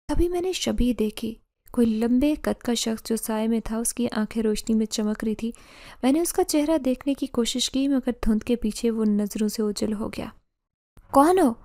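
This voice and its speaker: Mellow woman telling a dramatic story. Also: fairly high pitch. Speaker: narrator. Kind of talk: first-person storytelling narration.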